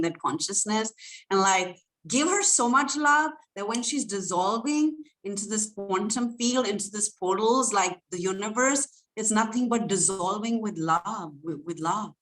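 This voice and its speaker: A woman spiritual coach guiding listeners in a livestream, speaking softly and emotionally, at times teary, with flowing, repetitive phrasing. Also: on the low side, poor audio.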